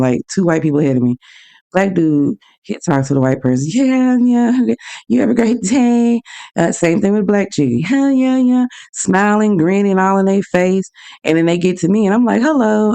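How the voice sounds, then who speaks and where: A woman hosting her own show, telling personal stories in a frank, animated way and acting out both sides of each exchange. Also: low voice, gravelly. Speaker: podcast host. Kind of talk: casual personal storytelling.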